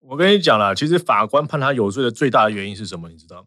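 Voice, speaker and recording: A man with a Taiwanese Mandarin accent talks through legal cases in a relaxed podcast chat, rattling along at a quick pace. His pitch swings widely as he builds examples. The recording is close and dry. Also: no echo. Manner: animated, explains with quick examples and laughs. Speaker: lawyer. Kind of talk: casual podcast chat explaining law.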